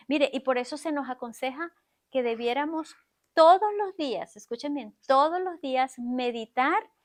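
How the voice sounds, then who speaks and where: A woman with a high-pitched voice delivers a sermon from the pulpit of a church. She speaks straight to her congregation and keeps stopping to ask them questions. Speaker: preacher. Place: church sanctuary.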